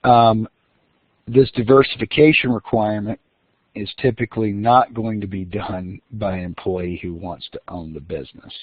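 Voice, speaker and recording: On a dry, lo-fi recording that sounds phone-made and has no echo, a man lectures as the instructor at a moderate pace. His low voice keeps a fairly even intonation as he explains step by step, with fillers and false starts.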